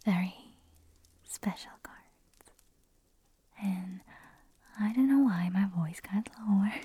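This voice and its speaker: An ASMR creator whispers in a hoarse, raspy voice that nearly gives out, giggling and tossing in chatty, self-deprecating remarks. Her pitch is medium and her tone warm.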